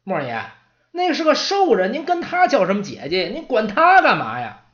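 A man voicing a frantic young male apprentice mage who yells in alarm. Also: wildly swooping pitch, normal speed, highs cut off, full character voice. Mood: baffled. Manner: shrill frantic yelling.

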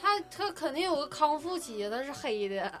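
Giggly high-voiced woman. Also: sing-song, moderate pace, loud music behind the voice. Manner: giggles often while talking. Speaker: podcast co-host. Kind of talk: casual podcast chat.

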